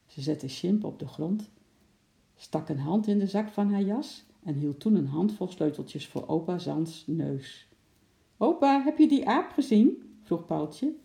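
A narrator reading a children's storybook aloud in a steady, even manner. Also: medium pitch, unhurried, gravelly. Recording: echoey room.

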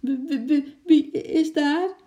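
A man's voice: takes it slowly, mellow. A man doing a sick, trembling old man crying out. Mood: frightened. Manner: high quavering stammer.

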